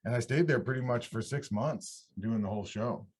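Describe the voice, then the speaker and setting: Here the same kind of guest, a country singer-songwriter in his thirties from upstate New York, talks through his story in a loose interview. His mid-range voice has a breathy edge and keeps a moderate pace. He rambles easily and breaks off to start sentences over.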